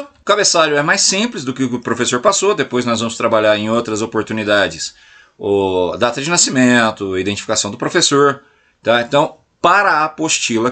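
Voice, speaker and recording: A Brazilian man teaching a recorded class to young pupils, coaxing and checking in with frequent questions, drawing out key words slowly. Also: on the high side, sharp tone. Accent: Brazilian Portuguese. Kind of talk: recorded remote class lesson.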